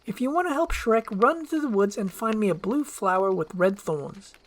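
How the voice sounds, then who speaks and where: A woman voicing a spirited, proper young princess with an earnest, brisk, exclaiming manner in a fairy-tale reading. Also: mid-range voice, voice pushed up, lightly acted. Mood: apologetic, urgent.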